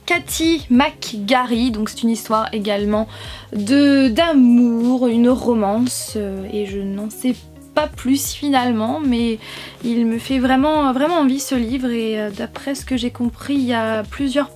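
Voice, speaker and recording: A woman's voice: on the high side, unhurried, darkish tone, faint music behind. A woman vlogger chatting casually to camera about books she bought, hesitating often with fillers. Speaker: book vlogger. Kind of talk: casual haul chat to camera.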